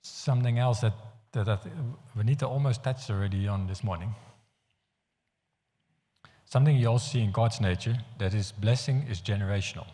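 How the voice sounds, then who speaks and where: A deep-voiced man from the Netherlands, his tone dark, preaches a sermon in a church hall. He's earnest but halting, often restarting his sentences, and the hall's long reverb trails behind his words.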